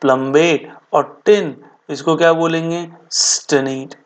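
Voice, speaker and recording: A male chemistry teacher giving a board exam revision lecture in casual Hindi, asking rhetorical questions and answering them himself, repeating key terms slowly. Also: on the high side, fairly even intonation. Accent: Hindi-speaking Indian. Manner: addresses students as beta and bhaiya.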